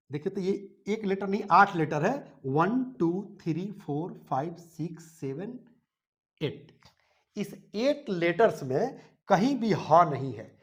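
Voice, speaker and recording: Male teacher drilling grammar in class, slow and drawn out, voice goes up and down a lot. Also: high voice. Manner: drawn-out, repeats points, tells students to write.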